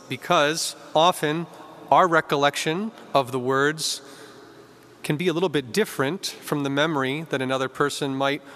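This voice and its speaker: A man, a priest, reads the Gospel and preaches at Mass in a measured, clear way, his voice ringing with cathedral echo. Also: fairly high pitch, a bit bright. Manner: measured, clear proclamation, with an easy conversational tone in the homily. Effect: cathedral echo, long church reverb. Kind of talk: gospel reading and homily at Mass. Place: church during Mass. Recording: long echoing church reverb.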